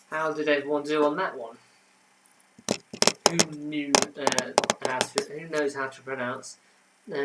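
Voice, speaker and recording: A man's voice: mid-range voice, fairly bright tone, slight background noise, poor audio. A man hosting a casual home quiz, reading answers and adding trivia with frequent fillers. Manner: chatty, reads answers then adds trivia with many fillers. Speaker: quiz host.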